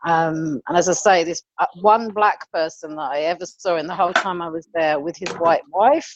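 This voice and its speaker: A woman's voice: lowish voice, normal speed, lo-fi sound, noisy background. A woman from England, chatting casually on a podcast and acting out the people she quotes. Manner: chatty storyteller, acts out quoted voices. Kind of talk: casual chat.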